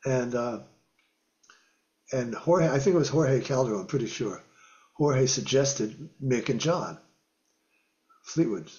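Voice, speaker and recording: An older man joins a casual interview over a webcam video call from his home music room, telling lively stories. His medium-pitched voice moves slowly with frequent pauses, and the highs sound cut off. He acts out quotes and guitar sounds with animation and laughs often.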